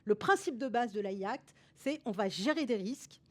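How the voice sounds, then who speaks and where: A woman's voice: fairly high pitch, animated, normal speed. Woman presenter with frequent hesitations. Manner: hesitant, many fillers and restarts, tags "voilà" and "hein". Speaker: consultant presenting a webinar. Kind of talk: explanatory presentation over slides.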